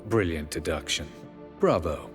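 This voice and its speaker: An actor playing an aloof, ancient elven sage who speaks in a measured, formal, faintly sardonic way. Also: male voice, low voice, expressive. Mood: cool formal. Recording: game audio with music behind.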